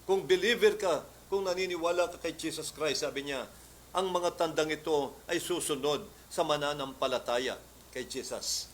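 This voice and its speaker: Filipino male pastor, fervent preacher who swells into loud commands, voice a touch high, faint noise behind. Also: moderate pace. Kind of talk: Bible study sermon.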